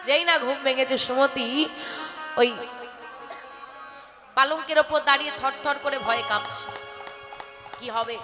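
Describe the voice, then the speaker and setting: A woman kirtan singer narrating a devotional story in a dramatic, expressive way. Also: high-pitched, a little slow, pauses often, long reverb tail, music in the background.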